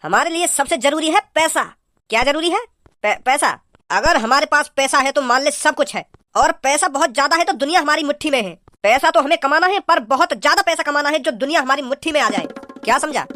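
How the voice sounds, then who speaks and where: A performer doing a fast-talking greedy thief boss. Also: high voice, lively intonation, bright, forceful tone, no echo, clean studio sound. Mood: bossy. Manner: rapid, bossy lecturing. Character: scheming thief gang boss, greedy for money. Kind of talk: cartoon voice acting.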